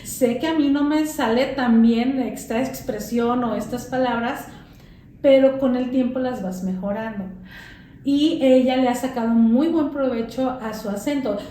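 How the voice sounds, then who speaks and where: A woman, a guest English teacher, explaining with examples in a casual interview and pausing to find her words. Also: fairly high pitch, mellow. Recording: very echoey room with faint noise.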